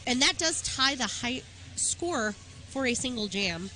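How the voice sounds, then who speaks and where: A woman giving measured, informative color commentary on a live roller derby game. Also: high-pitched, animated, pushed and bright, soft background music.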